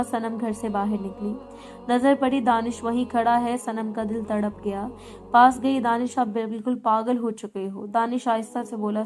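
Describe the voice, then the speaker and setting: Woman storyteller, fairly high voice, soft emotional read, light music bed. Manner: soft, emotional storytelling, voicing both lovers' lines herself. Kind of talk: scripted narration of a love story.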